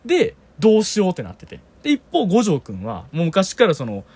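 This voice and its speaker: Animated Kansai man telling a story. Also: fast talker, slightly rough. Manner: animated storyteller, laughs often, lively rising pitch. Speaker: podcast co-host. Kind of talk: casual chat with his brother.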